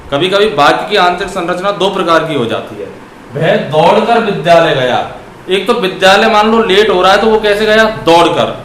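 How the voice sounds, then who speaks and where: A high-pitched man teaching a grammar lesson, putting questions to his students and answering them himself. He stretches his words out slowly when dictating examples. The room echoes, and there is a faint hiss in the background. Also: a bit bright.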